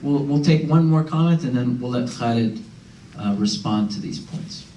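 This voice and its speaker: A man steers a panel discussion in a mellow, relaxed voice, politely passing the floor and often repeating words as he restarts his sentences. He is picked up from a distance in a hall with plenty of echo. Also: medium pitch, moderate pace. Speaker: moderator. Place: large meeting room indoors. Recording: roomy hall, distant mic, faint hiss.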